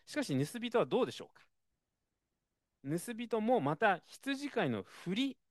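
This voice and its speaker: A man preaching a sermon in a conversational, expressive way, with frequent fillers. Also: high-pitched, a little slow, no room sound, studio quality.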